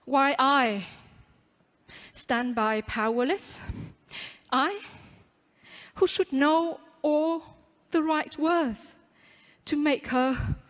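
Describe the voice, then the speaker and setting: Female contest speaker, high voice, unhurried, theatrical and strongly projected delivery to a large auditorium. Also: fairly bright tone. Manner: projected, theatrical stage delivery with dramatic pauses. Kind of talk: rehearsed competition speech. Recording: echoing large hall.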